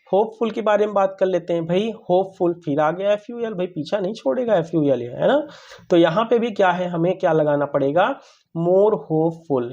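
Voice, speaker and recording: In a classroom-style English grammar lesson, a man with a fairly high, mellow voice keeps posing questions and answering them himself, addressing his listeners as brother. The audio sounds dull.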